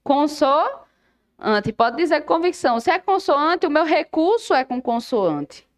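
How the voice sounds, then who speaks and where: A woman with a high, bright voice gives a law lesson for exam prep. She is lively and keeps questioning her students, then answers the questions herself. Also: unhurried. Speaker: law teacher.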